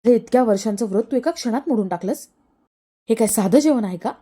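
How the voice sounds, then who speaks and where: A woman's voice: a little high, animated, quick pace, mellow. A woman voicing a stern elderly female ascetic guru who speaks in a reproachful, commanding way.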